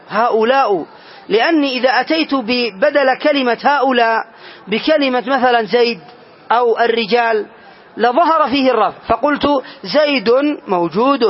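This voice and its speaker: A man teaching a classroom grammar lesson, quizzing his students and slowly spelling out each example. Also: very high-pitched. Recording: dull lo-fi lesson recording.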